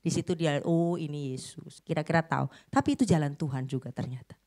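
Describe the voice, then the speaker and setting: A middle-aged woman preaching a sermon, telling a story dramatically and swinging between loud bursts and hushed lines. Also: low voice, a little fast.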